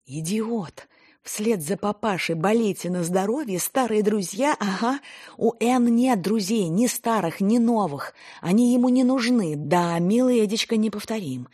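Brief: a woman playing a sick, irritable professional woman, sarcastic, husky. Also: mid-range voice, unhurried, a little mellow, voice pushed up. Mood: irritated. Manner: exasperated and sarcastic.

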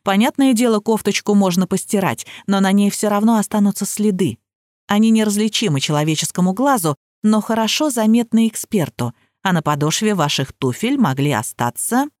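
A woman reading the part of a calm, authoritative male detective boss who speaks in measured, commanding tones. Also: high-pitched, no room sound, clean studio sound. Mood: calm stern.

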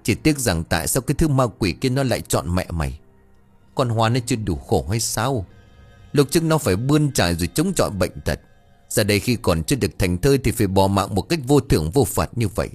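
Man doing a husky grieving uncle, gruff, scolding, faint music behind. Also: on the low side, big pitch swings, a little fast. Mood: mournful. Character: grieving middle-aged rural uncle, gruff.

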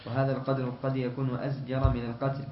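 A man reads a classical legal text aloud in a lesson, moving at a brisk clip and sometimes going back to restart a word. His voice stays fairly level. The recording sounds roomy and a bit dull, with faint hiss behind it. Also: mid-range voice, completely flat delivery. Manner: quick recitation with restarts on words. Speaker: student reading the text aloud.

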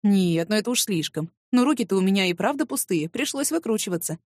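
Lively woman narrating a sassy first-person story. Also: mid-range voice, fast, no echo. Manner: lively, sassy, mock-indignant. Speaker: audiobook narrator.

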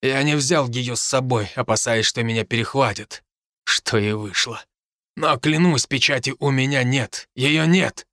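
Cornered noble, injured, begging for his wife, male reader doing the voice; quiet and trembling. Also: medium pitch, unhurried, dry recording, studio quality. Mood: shaky. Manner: hushed, shaky and pleading.

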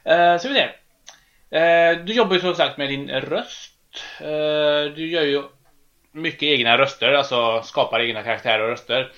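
A man's voice: a little high, a bit bright. A man hosting a casual podcast, asking loose, hesitant questions. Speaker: podcast host. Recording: dull, lo-fi podcast audio.

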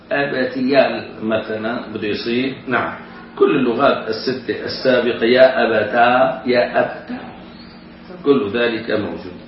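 Distant echoey male grammar teacher. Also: medium pitch. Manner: explains rules step by step, chants Quranic examples slowly. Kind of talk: classroom grammar lesson. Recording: echoey room, distant mic, dull lo-fi sound with faint hiss.

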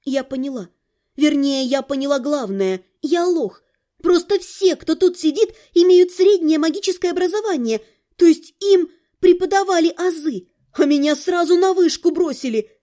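A woman's voice: extremely high pitch, normal speed, mellow. A woman reading a first-person audiobook in an ironic, colloquial storytelling manner. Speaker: audiobook narrator.

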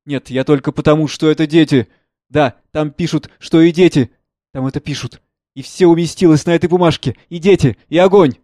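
A man's voice: on the high side, brisk, mellow, dry recording, clean studio sound, pitched above the performer's own voice, natural voice. A man voicing an anxious, distracted mother. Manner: anxious, pleading. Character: wife and mother, anxious, strangely distracted woman.

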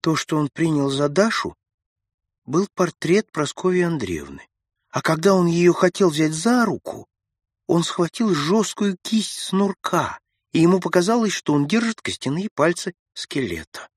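A man narrating classic prose for an audiobook in a measured, steady storytelling manner on a close mic. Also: fairly high pitch, breathy edge, no echo.

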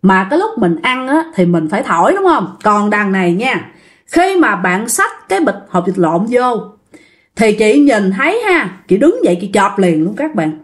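A woman's voice: medium pitch, big pitch swings, moderate pace. A woman telling a ghost story in a casual, chatty way, speaking straight to her listeners. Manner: chatty, addresses listeners directly.

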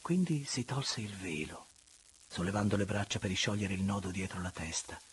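Low-voiced man narrating a novel. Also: a little hiss or hum. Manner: measured, expressive, at times hushed. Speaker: audiobook narrator. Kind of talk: literary audiobook narration.

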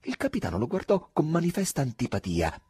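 A man narrating a literary novel in an expressive, measured reading. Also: a little high, breathy edge, no echo, studio quality. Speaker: audiobook reader.

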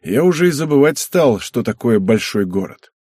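Man voicing a wry, calm husband. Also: medium pitch, moderate pace, dry recording, clean studio sound. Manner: relaxed, mildly teasing. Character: calm, wry middle-aged husband and father.

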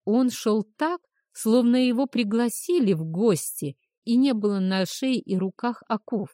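A woman's voice: on the high side, animated, measured pace, mellow, no room sound, studio quality. A woman narrating a first-person story expressively, rising on anxious questions. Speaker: audiobook narrator.

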